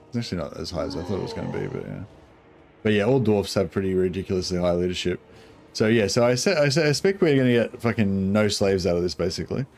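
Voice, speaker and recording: A man's voice: on the low side, darkish tone. A man with a broad New Zealand accent giving casual gameplay commentary in a laid-back, sweary, rambling way. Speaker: gaming streamer.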